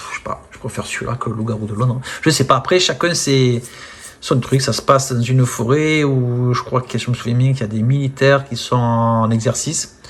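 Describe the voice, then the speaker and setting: Husky guy rambling about his movie steelbooks, lots of um and voilà, fades out quiet at the end of sentences. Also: mid-range voice. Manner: chatty, full of fillers and "voilà", trails off softly at phrase ends. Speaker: film collector presenting his steelbooks. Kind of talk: casual unboxing-style chat.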